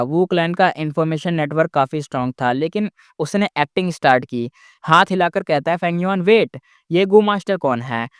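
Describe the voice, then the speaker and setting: Chatty guy retelling a story, slightly high, crisp clean voice, dry close mic. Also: no room sound. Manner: chatty, with asides. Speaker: story narrator. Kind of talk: casual storytelling narration.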